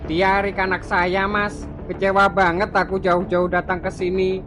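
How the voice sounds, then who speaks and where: A woman's voice: mid-range voice, little pitch movement, normal speed, lightly acted. A woman voicing a weary, disappointed father from the village who scolds his lying son, over music. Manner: scolding, exasperated. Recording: clear music bed behind voice.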